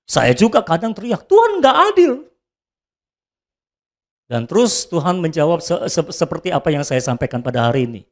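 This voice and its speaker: A man preaching a sermon as a pastor, swinging between loud high calls and soft low asides. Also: lively intonation, fast.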